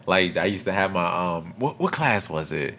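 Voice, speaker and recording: Laid-back young man, low voice. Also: lively intonation, normal speed, sharp tone. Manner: laid-back slangy storytelling, acts out quotes. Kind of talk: casual chat.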